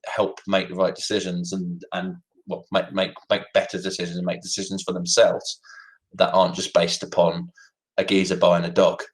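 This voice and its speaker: Guy, low flat voice, casual voice chat host, stumbles and restarts a lot. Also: normal speed, low-quality recording. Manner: hesitant, repeats words and restarts often. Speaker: community team member on a crypto project voice chat.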